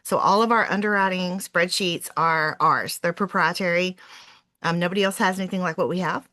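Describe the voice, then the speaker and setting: A woman's voice: on the low side, brisk, bright, forceful tone, dry recording. A woman in her forties, a real estate investor answering interview questions in a chatty way, with many "um"s and self-corrections.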